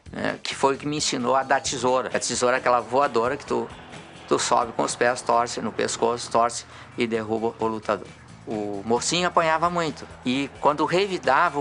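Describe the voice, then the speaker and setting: A man's voice: mid-range voice, fairly bright tone. A Brazilian wrestler, a man, explaining his trade in a conversational interview.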